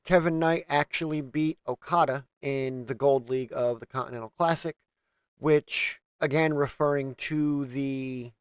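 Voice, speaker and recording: A man's voice: medium pitch, clear, resonant tone, no echo. A man hosting a casual wrestling review, steadily running through a list of news items. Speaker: host.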